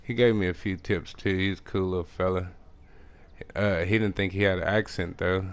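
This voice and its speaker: Young Texan man, low voice, country accent, mumbly and fast, gaming commentary. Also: steady tone, clean tone. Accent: country Texas. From Texas, USA. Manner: fast mumbling talk with restarts. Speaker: gaming streamer. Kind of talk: casual gameplay commentary.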